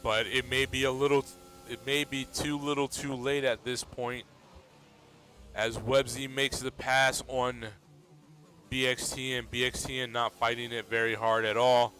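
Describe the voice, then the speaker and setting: A man commentating a sim racing league race in a relaxed, steady play-by-play manner. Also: medium pitch, unhurried. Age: adult.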